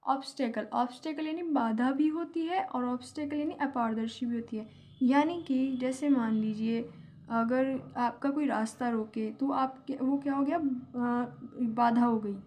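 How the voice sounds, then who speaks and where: A woman's voice: high-pitched, measured pace, darkish tone. A young Indian woman teaching English vocabulary, explaining each word patiently with examples. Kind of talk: vocabulary lesson in Hindi.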